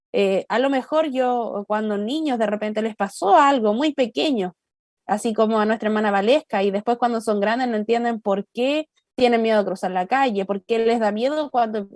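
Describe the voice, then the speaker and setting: A woman's voice: on the high side, normal speed, darkish tone, no echo, clean studio sound. A woman with a Chilean accent co-hosting a church talk show, answering respectfully and thoughtfully with many hesitations. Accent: Chilean Spanish. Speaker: co-host.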